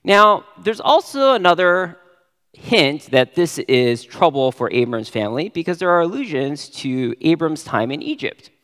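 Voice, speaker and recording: Pastor guy preaching slow, stresses key words, bit higher voice, churchy reverb. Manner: expressive, stresses key words with sudden rises. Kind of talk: sermon.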